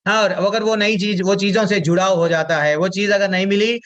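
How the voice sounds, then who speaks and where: A man's voice: high-pitched, fairly even intonation, brisk, a bit bright, muffled recording. A man teaching a devotional scripture class. He asks his listeners questions and answers them himself, chants Sanskrit verses and explains them, and mixes English words into his Hindi. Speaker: Gita study class teacher.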